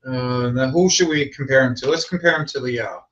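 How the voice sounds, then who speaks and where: A man's voice: medium pitch, a little fast, a bit bright, distant mic, muffled recording. A man co-hosting a sports show, talking things through in casual chat. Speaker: show host.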